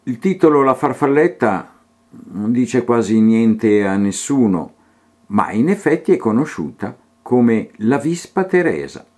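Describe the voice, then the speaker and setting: A man's voice: medium pitch, big pitch swings, a little slow, darkish tone. A man narrating a literary text and reading a poem aloud, with his voice rising and falling expressively through the verse.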